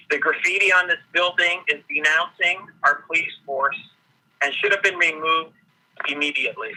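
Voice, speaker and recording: Male councillor dialed in on speakerphone; reads a prepared statement formally; very bright, cutting tone, slightly high voice. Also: low-quality recording. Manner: formal, measured delivery of a written text. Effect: heard over a speakerphone. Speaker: borough councillor.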